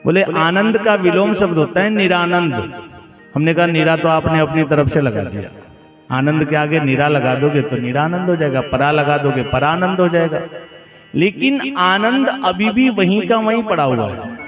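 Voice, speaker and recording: A man's voice: fairly high pitch, lively intonation, normal speed. A man giving a devotional sermon, storytelling and asking the audience rhetorical questions. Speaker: katha preacher. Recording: echoey hall, phone-like lo-fi sound with music. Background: instrumental music.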